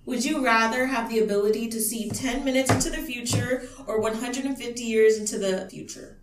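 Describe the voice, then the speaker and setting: A casual podcast host with a slightly high voice who laughs easily. She sits a little back from the mic. Her voice echoes around the room. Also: fairly quick, distant mic, very noisy. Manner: easygoing, laughs often. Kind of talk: casual chat. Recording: roomy echo, off-mic.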